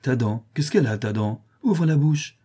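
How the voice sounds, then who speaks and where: A man reading a storybook, voicing an older aunt who scolds briskly and shrewdly. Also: mid-range voice, lively intonation, mellow, breathy edge, pitched above the performer's own voice. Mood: scolding.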